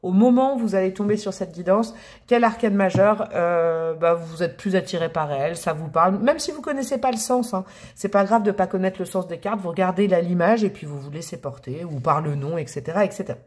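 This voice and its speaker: Speaking a little fast in a lowish, slightly mellow voice, this woman reads tarot casually for her viewers. She's warm and talkative, uses pet names, and keeps exclaiming with delight at the cards.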